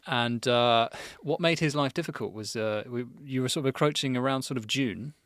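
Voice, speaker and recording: A man co-hosting a podcast, telling a history story in an animated way and laughing often. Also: mid-range voice, moderate pace, no room sound, studio quality. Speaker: podcast co-host. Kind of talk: casual history chat.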